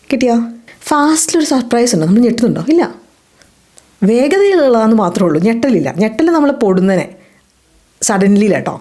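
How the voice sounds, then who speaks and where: A woman with a Malayali accent teaches a spoken English lesson in a slightly high, mellow voice. She asks questions and answers them herself, saying the English example sentences slowly and clearly.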